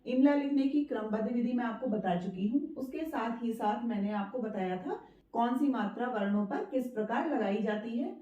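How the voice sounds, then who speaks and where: A woman teaching a spoken writing lesson, patiently repeating her points, checking in with listeners and sounding out words slowly syllable by syllable. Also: on the high side, dark tone. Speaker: Hindi teacher. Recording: echoey room, dull lo-fi sound.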